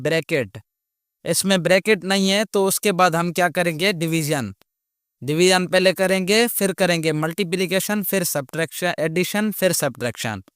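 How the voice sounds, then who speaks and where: A man teaching a step-by-step math lesson, explaining slowly and patiently and often checking that students follow. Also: fairly high pitch, fairly bright tone, clean tone, no echo, studio quality. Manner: slow, patient explaining with repeated check questions. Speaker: math teacher, channel host.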